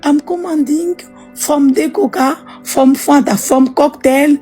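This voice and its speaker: A woman imitating her husband as he orders in halting, broken English. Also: sits high, fairly even intonation, warm tone, soft background music. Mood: fumbling.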